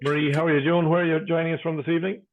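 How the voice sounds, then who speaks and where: An Irish man hosting and calling bingo in a measured singsong patter, with paired digits and number nicknames. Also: on the high side, little pitch movement. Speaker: bingo caller and host. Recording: phone-like, narrow-band sound.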